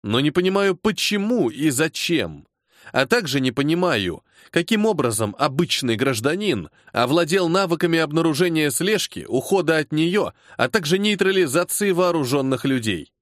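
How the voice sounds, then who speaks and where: A disciplined, hot-tempered major in his forties who speaks in clipped, caustic lines with restrained fury, as a man acts him out. His tone is lively and terse. The recording is dry and close. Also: fairly high pitch, moderate pace, no echo, close to an everyday voice. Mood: restrained anger. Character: angry disciplined male major, forty-two, hot-tempered.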